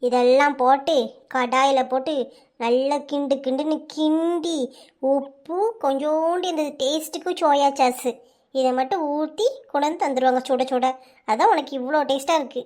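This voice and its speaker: A woman's voice: high voice, steady tone, normal speed, darkish tone, natural voice. A woman voicing a teasing know-it-all grandmother with a southern Tamil Nadu accent, rattling off details with relish.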